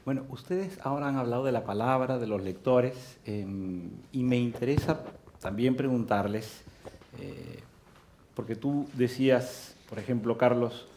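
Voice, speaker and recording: A man's voice: medium pitch, unhurried, darkish tone, slight background noise. A man moderating a book fair round table, building long, careful questions with examples. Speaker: panel moderator.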